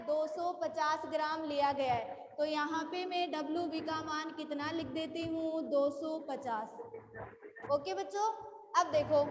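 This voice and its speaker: Brief: very high-pitched woman teacher, unhurried delivery, echoey, noisy online-class audio. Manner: slow and repetitive, asks and answers her own questions; calls students by name and praises them.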